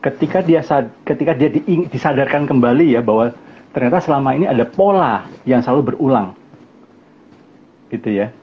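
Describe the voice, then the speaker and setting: A man speaking as a guest on a casual live talk, animated, putting on other people's voices in quoted lines and chuckling often. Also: mid-range voice, fairly quick, lo-fi sound. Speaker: guest speaker on family life.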